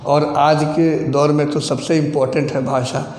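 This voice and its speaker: A man teaching a lecture, explaining slowly and deliberately and checking in often with his listeners. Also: a little high, little pitch movement, a little mellow. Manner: slow, deliberate explaining with frequent "theek hai" check-ins. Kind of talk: classroom lecture. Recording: echoey room with long reverb.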